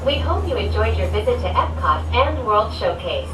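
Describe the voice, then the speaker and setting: A woman reading prerecorded, welcoming announcements, heard over a loudspeaker inside a moving cable-car cabin. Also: mid-range voice, sing-song, moderate pace. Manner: cheerful, welcoming. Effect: played over a loudspeaker. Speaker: transit announcer. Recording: echoey, distant loudspeaker over loud vehicle noise.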